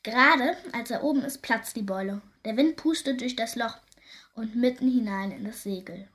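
A woman reading a children's story aloud in a lively, expressive way. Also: on the high side, normal speed.

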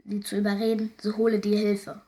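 A woman's voice: medium pitch, monotone, brisk, dark tone, close to an everyday voice. A woman voicing a blustering, commanding rich old landowner in a told folk tale. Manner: commanding, gruff.

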